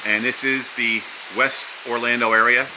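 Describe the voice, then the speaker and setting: A man's voice: mid-range voice, flat delivery, a little slow. A man narrating a casual vlog outdoors from under a house porch during a storm. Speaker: vlogger. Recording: wind, rain and hiss behind voice.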